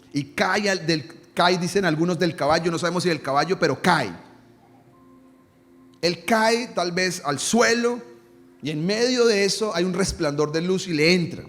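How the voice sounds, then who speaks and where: Male pastor, sermon delivery, rhetorical questions, hushed low prayers, slightly high voice, reverberant hall. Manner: preaches with rhetorical questions, dropping low and quiet on quoted prayers. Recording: long reverb in a church hall.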